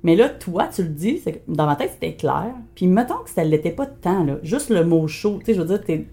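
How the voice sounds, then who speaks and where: A woman's voice: on the low side, big pitch swings, a little fast, warm tone. A woman with a Quebec French accent co-hosting a podcast in casual conversation, hesitating and repeating words as she searches for them. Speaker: podcast co-host.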